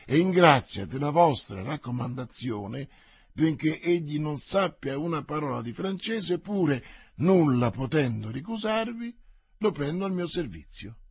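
Man voicing a commanding young musketeer, lively swooping delivery, husky dry storybook read. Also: a little high, measured pace, dry recording, full character voice. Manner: energetic, emphatic exclamations. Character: bold young male musketeer, impatient and commanding.

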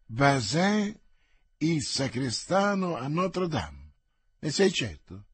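A man's voice: on the high side, very animated, slow pace, a little hiss or hum. A man reading aloud and voicing a bold, impatient young male musketeer with emphatic exclamations. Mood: commanding.

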